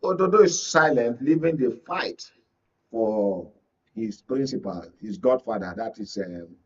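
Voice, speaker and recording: Unhurried yet animated, a Nigerian media analyst on a guest spot speaks in a slightly rough, medium-pitched voice. His political analysis is emphatic, with repeated points and frequent checks that the listener is with him. Sound is muffled and lo-fi, from a far-off mic.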